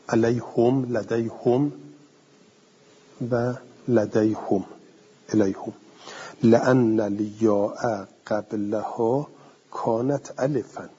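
A man's voice: on the low side, mellow, breathy edge. Man, lecturing, reads aloud and explains, asks and answers questions, long echo, muffled lo-fi sound. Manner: reads a passage aloud, then explains it conversationally; asks the class questions and answers them himself. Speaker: teacher. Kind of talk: classroom lecture on a classical text. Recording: dull lo-fi recording with long hall reverb.

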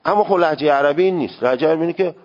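A man's voice: fairly high pitch, darkish tone. Man lecturing in a reverberant hall. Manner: emphatic, demonstrates Arabic pronunciation aloud. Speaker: seminary teacher. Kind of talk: religious law lecture to students. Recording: dull lo-fi recording with long hall reverb.

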